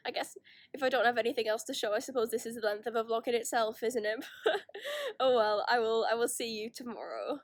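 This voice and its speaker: A woman's voice: a little high, fairly quick. A young woman chatting casually in a holiday vlog filmed on the phone in her hand, rambling and self-deprecating with frequent restarts. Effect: phone video recording. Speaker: vlogger. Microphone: phone held in hand.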